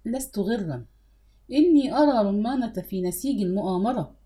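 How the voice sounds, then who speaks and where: A woman's voice: medium pitch, animated, fairly quick, dark tone, lightly acted. A woman reading the part of an anxious, scheming mother in an audiobook, her voice trembling and urgent.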